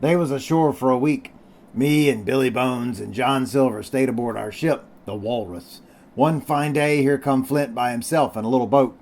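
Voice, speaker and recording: Guy putting on a scruffy old marooned sailor, cracked rusty voice, slow drawl, storybook read-aloud. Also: medium pitch, a little mellow, natural voice. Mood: storytelling. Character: ragged, half-wild old marooned male sailor.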